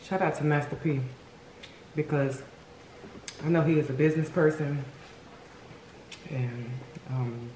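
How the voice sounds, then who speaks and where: A woman's voice: sits low, a little slow, long pauses, warm tone. Woman chatting while eating, roomy echo. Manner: eating while talking, with savouring mm sounds. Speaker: mukbang host. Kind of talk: casual food-tasting chat to viewers. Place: indoor room at home, seated at a table. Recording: roomy echo with background noise.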